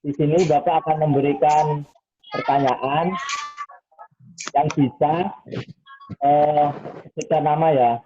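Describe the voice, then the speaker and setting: A man's voice: a little high, flat delivery, takes it slowly, long pauses, warm tone, a little hiss or hum. A man teaching a class over a video call. His audio breaks up and cuts out, and he talks hesitantly with many fillers. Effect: choppy, breaking-up video call audio. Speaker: biology teacher. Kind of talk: online class lecture. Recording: tinny breaking-up call line.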